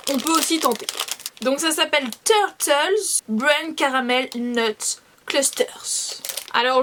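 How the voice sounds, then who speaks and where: A young woman chatting playfully through a casual snack-tasting vlog, self-mocking and lively. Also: sits high, slight background noise. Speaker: beauty and food vlogger.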